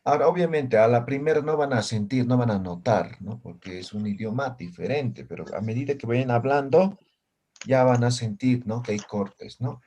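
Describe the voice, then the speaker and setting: A man's voice: medium pitch, moderate pace, darkish tone. A man teaching a language class, patiently explaining and often checking in with his students. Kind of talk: classroom lesson.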